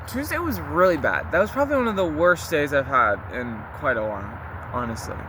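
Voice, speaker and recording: A man's voice: fairly high pitch, big pitch swings, fairly quick, background noise. A young adult man chatting casually and confessionally to listeners, rambling with slang and mild swearing. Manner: rambling, slangy, mildly profane. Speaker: vlogger recording a spoken diary.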